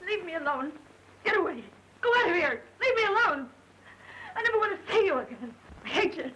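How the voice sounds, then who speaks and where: An actress playing a troubled young woman, a former dancer, in an emotional 1930s film style that swings from quiet to shrill. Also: big pitch swings, brisk, exaggerated voice, rough recording. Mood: hysterical. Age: young adult. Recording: hissy 1930s film soundtrack.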